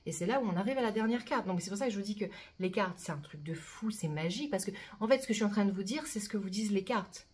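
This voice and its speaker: A woman giving a chatty spiritual oracle card reading to her viewers, often tagging her sentences with "hein" and reading mantras slowly and softly. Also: mid-range voice, expressive.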